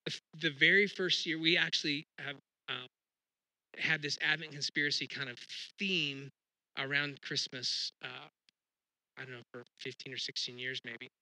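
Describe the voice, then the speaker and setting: A man's voice: on the high side, fairly even intonation, moderate pace, pushed and bright, dry recording, poor audio. A middle-aged man preaching a sermon as pastor, talking in a conversational, self-deprecating way with frequent restarts.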